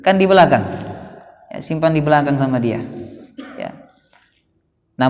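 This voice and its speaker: A male Quran teacher gives a tafsir sermon in a mosque. He chants Arabic verses slowly and puts rhetorical questions to the congregation. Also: fairly high pitch. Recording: long reverb of a mosque hall.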